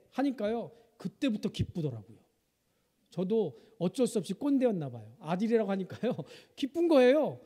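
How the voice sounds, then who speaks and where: A man's voice: sits high, dark tone. A male pastor preaching a sermon, telling funny family stories and asking the congregation questions. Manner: humorous storytelling, asks the congregation questions. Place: church sanctuary. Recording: long church hall reverb.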